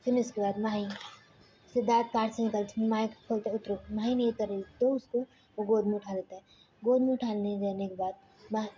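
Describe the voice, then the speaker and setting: A woman storyteller recounts a tale in a relaxed, unscripted way, often correcting herself mid-sentence. Her voice is dark and mellow and drops into a hush at times. A faint hiss sits behind her. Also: mid-range voice, a little fast, low-quality recording. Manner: loose, self-correcting, partly whispered. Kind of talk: casual spoken story narration.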